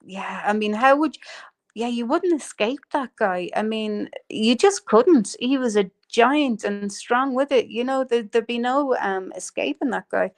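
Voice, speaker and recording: A livestream host chats casually with her audience, her talk filled with ums and laughs. Her voice is a little high, and she keeps a measured pace.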